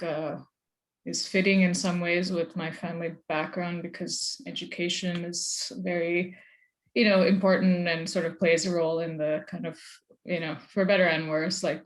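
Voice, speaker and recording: A young American woman, a journalist guest, answering interview questions in a conversational, thoughtful way. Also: lowish voice. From United States. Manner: conversational, thoughtful, uses like and you know. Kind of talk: casual interview.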